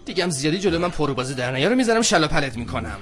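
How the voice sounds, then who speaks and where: Kuzco, a whiny vain llama emperor. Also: male voice, on the high side, very animated. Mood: bossy. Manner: whiny, sarcastic and self-absorbed. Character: vain young male emperor turned into a llama. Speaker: dubbing actor. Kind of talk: animated film dub. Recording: film dub with music behind.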